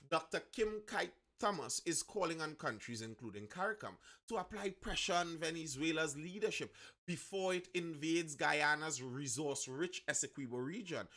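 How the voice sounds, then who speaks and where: Hosting a live news discussion, a Trinidadian-accented man from Trinidad and Tobago speaks conversationally, frequently rewording what he says. He has a fairly high, bright voice with a forceful tone.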